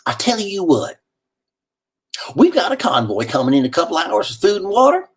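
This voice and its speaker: A man voicing a flustered, folksy middle-aged woman Red Cross volunteer with a husky voice. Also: on the low side, big pitch swings, normal speed, voice pushed up, full character voice.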